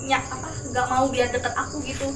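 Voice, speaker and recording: A woman with a high voice talks in hesitant fragments on a casual night ghost hunt. She sounds distant and echoey, with clear insect noise around her. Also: monotone, fairly quick. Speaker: spirit-sensing guest on a ghost hunt. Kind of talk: casual night vlog chat. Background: crickets, insects, animal sounds.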